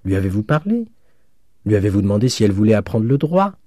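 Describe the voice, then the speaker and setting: A man's voice: fairly low pitch, sing-song, quick pace, warm tone, no echo, studio quality, pitched above the performer's own voice. A male narrator voicing a nosy, gossiping middle-aged landlady. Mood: gossipy. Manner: prying and gossiping. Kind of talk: audiobook reading.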